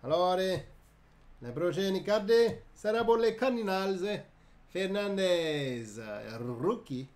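A Quebec French-accented man runs live card-opening commentary, naming every card in a chatty style and sharing jokes and laughs with his audience. He speaks slowly in a high-sitting, slightly mellow, animated voice.

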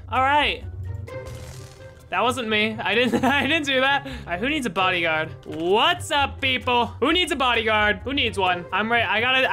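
Young male gaming host, high-pitched and rambling, playful commentary over game music. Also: bright, forceful tone. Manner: goofy, rambling, restarts words often. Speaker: gaming YouTuber. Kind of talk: joking gameplay commentary.

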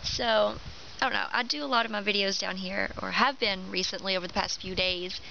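A Kentucky woman in her twenties vlogs casually from a pine wood, sharing opinions animatedly with her camera and laughing a lot. Her mid-range voice is bright and forceful, steady in tone and a little fast. The camera mic frames her head and shoulders, and the lo-fi outdoor audio sounds dull, with obvious background noise.

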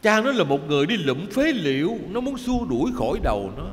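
A man's voice: high-pitched, big pitch swings, fairly quick. A man, a Buddhist monk with a Southern Vietnamese accent, telling an emotive story in a sermon and calling his listeners his children. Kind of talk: Dharma talk storytelling. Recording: reverberant hall, faint background noise.

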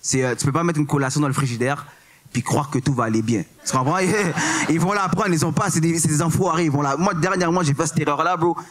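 A man's voice: a little high, quick pace, a bit bright. A young man in his twenties with a Québécois accent doing a stand-up set on a club stage, full of slang and English words, often asking if you follow. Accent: Québécois French. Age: 20s. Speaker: stand-up comedian.

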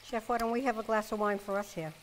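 A woman helps out at a cooking show, dropping short, fast remarks beside the chef. Her words come quickly and casually. Clear background noise and frying sounds surround her voice. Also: medium pitch, steady tone. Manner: brief, quick comments. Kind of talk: casual chat. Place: studio kitchen set, indoors.

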